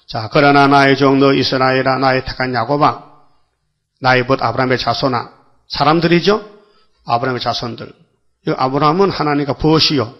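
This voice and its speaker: A man's voice: a little high, dull audio. An older man preaching a dawn worship sermon, folksy and full of rhetorical questions to the congregation. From South Korea. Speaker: pastor.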